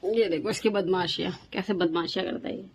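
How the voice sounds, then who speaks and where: A woman's voice: fairly low pitch, fairly even intonation, brisk, a little mellow, slight background noise. A young woman vlogging at home about her day, chatty and talking to her toddler in a sing-song voice. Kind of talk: casual home vlog. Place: home rooms, indoors.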